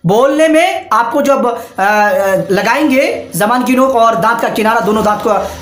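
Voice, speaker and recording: A man teaching Arabic letter pronunciation in an online lesson, patient and repetitive, drawing out each letter sound slowly. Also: very high-pitched, echoey room.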